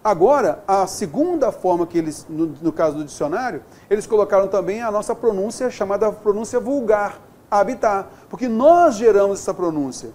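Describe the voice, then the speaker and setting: A man with a Brazilian Portuguese accent teaching a grammar lesson, talking straight to his students and stretching out the example words slowly. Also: high voice. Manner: animated, drawing out example words slowly, addressing students directly. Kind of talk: lively classroom-style lesson.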